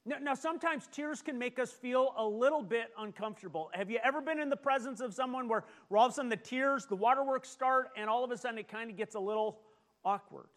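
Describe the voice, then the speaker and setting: A middle-aged man preaching a sermon, animated and self-deprecating as he tells personal stories. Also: very high voice, fast talker. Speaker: pastor.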